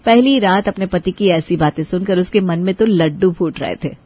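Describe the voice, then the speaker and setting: A woman giving scripted storybook narration for a cartoon, telling the story smoothly and evenly. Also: on the low side, normal speed, lo-fi sound.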